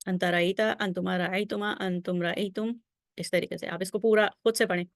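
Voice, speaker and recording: A woman's voice: on the low side, fairly even intonation, dry recording, studio quality. Patient woman teacher drilling conjugations. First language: Urdu. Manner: patient, drills conjugations aloud with frequent check-ins. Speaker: Arabic grammar teacher. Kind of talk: recorded slide lesson.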